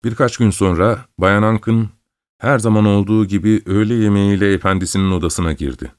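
Low-voiced man reading a story. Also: steady tone, a little fast, clear, resonant tone, dry recording, clean studio sound. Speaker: narrator. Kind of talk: audiobook narration.

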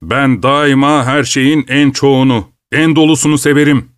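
A man's voice: medium pitch, fairly even intonation, moderate pace, smooth, no echo, studio quality, lightly acted. A man voicing a greedy, tactless male dinner guest with a boisterous, self-satisfied manner. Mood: brash.

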